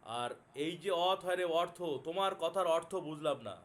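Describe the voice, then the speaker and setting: A man with a Bengali accent teaching a lesson as a tutor, explaining slowly, repeating each word and checking with his students. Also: a little high, expressive, fairly bright tone. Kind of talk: classroom lesson.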